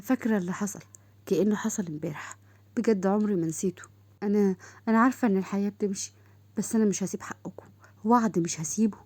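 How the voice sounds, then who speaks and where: Woman voicing serious young woman officer, earnest, soft, dry recording. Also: mid-range voice, fast, breathy edge, no echo.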